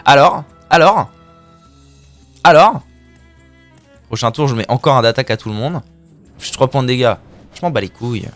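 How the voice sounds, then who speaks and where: A man's voice: medium pitch, fast, no room sound, faint music behind. A man streaming a card game live, narrating his plays with playful, crude trash talk and silly mouth sound effects. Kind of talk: live gameplay commentary.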